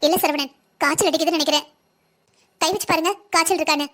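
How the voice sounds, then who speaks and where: A woman's voice: sits high, steady tone, very fast, fairly bright tone. A woman voicing a scheming, manipulative young woman in a cartoon, wheedling and threatening by turns. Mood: coy. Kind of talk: cartoon voice acting.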